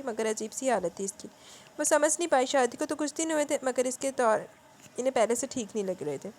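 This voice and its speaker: A woman's voice: on the high side, darkish tone, a little hiss or hum. A woman reading a romance novel aloud, breaking in with wry, colloquial asides. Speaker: novel reader.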